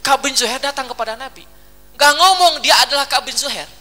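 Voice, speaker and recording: A man teaching a religious text, reading Arabic and explaining it in lively storytelling, often checking that listeners follow. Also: very high-pitched, brisk, in a large hall. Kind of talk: kitab study lesson, translating Arabic text line by line.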